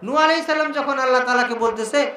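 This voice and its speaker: A man's voice: very high-pitched, fast talker, bright, forceful tone. A male preacher with a Mymensingh Bengali accent giving a waz sermon, asking the crowd rhetorical questions. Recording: echoey hall with music.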